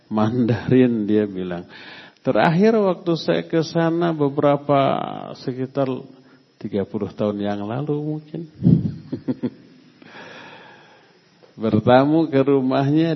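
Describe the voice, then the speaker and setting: Slow, echoing male teacher. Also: medium pitch. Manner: unhurried, emphatic, quizzes the audience. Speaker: Islamic teacher. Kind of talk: religious study lecture. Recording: long hall reverb, muffled lo-fi sound.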